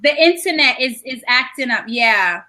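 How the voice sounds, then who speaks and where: A woman from New York co-hosting a casual live video chat, talking in quick restarts while dealing with a shaky connection. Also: high-pitched, expressive, sharp tone. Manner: chatty, restarts often, coping with connection trouble. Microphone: video call.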